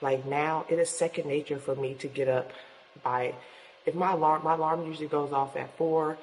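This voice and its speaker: A woman's voice: low-pitched, fairly even intonation, moderate pace, a little mellow. Woman vlogging in an echoing gym. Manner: encouraging, addresses viewers directly. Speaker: fitness vlogger and host. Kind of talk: casual motivational vlog talk to viewers. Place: indoors in an apartment building gym. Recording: echoing gym, long reverb, faint noise.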